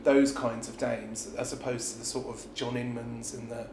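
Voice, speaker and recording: This pantomime dame performer has a British accent and a medium-pitched voice with little pitch movement, delivered at normal speed. In an informal, reflective interview he frequently lets a thought trail away, and the room echoes amid background noise.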